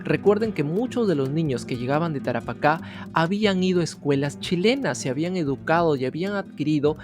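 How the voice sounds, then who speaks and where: A man's voice: fairly high pitch, expressive, a little fast. A man narrating an educational history video, telling the story directly to the viewer. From Peru. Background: guitar music.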